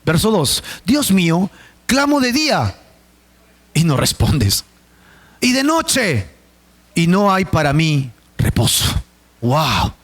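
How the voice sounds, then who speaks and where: Male pastor, higher voice, vivid dramatic sermon delivery. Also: wildly swooping pitch, takes it slowly, long pauses. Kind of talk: Bible study sermon.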